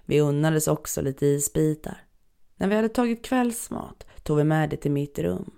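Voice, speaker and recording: A narrator reading listener-submitted horror stories aloud in a measured, even storytelling manner. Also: mid-range voice, gravelly, clean tone. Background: faint background music.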